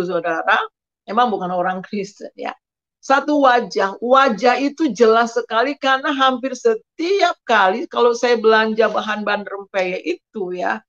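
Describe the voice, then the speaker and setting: A middle-aged woman telling her personal testimony, often addressing listeners directly and pausing with fillers. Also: fairly high pitch. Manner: addresses listeners as "saudara", storytelling with pauses and fillers. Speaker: testimony speaker. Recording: dull lo-fi recording.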